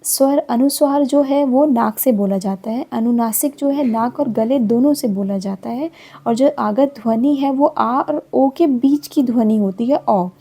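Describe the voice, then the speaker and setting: A middle-aged woman teaching a grammar lesson, her voice a little high and husky. She explains step by step, saying each example word slowly. The tone is mellow and dark.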